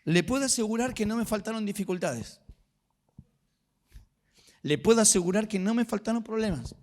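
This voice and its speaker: Middle-aged Argentine pastor, high-pitched man, earnest sermon delivery. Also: lively intonation, normal speed. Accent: Rioplatense Spanish. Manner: rhetorical questions, earnest preaching with storytelling.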